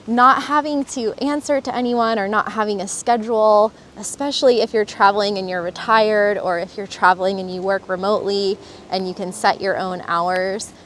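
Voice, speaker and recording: A travel vlogger from Florida talks earnestly and enthusiastically in a casual, reflective vlog recorded outdoors, using some fillers. Her voice is medium-pitched and steady, at a normal speed with few pauses, over slight background noise.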